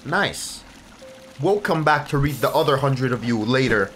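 Guy doing a let's play, joking around and reading game text, mid-pitch voice, light music under it. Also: animated, measured pace, a bit bright. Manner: jokey and casual. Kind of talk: casual gameplay commentary and reading game text aloud.

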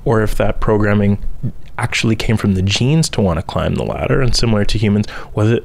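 A young man on a podcast talks through an idea on his own, in a somewhat low voice. His delivery is casual and unpolished, full of ums, repeated words and sentences that restart midway. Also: brisk, creaky, a little mellow. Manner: thinks aloud with frequent ums and restarts. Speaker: podcast host. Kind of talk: casual solo podcast monologue.

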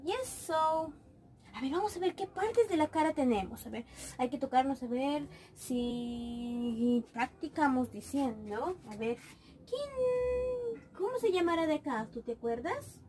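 A woman teaching a lesson to small children, coaxing them slowly and drawing out each word she repeats. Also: high-pitched, lively intonation, a little mellow. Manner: slow, coaxing, drawn-out repetition of words. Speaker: preschool teacher.

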